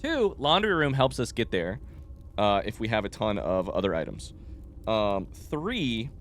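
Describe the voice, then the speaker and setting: His voice fairly low and sing-song, a man talks a little slowly while playing a video game blind on stream. Slightly sick-sounding, he rambles informally with some mild swearing, and there's slight background noise.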